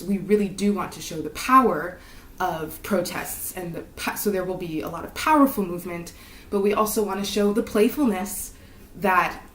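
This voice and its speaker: Earnest young-sounding woman, echoey and distant. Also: medium pitch. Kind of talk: casual interview. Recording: echoey room, a bit far from the mic.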